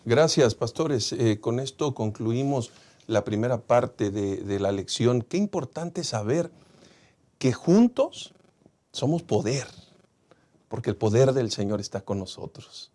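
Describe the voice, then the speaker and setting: A man's voice: medium pitch, expressive, unhurried. A man with a Mexican Spanish accent, hosting a church lesson program and giving an encouraging pastoral closing. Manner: warm pastoral wrap-up, encouraging. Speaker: program host.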